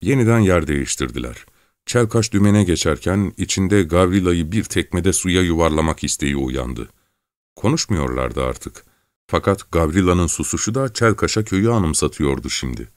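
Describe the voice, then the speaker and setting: Deep-voiced male audiobook narrator. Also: animated, moderate pace, no echo, studio quality. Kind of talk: scripted literary narration.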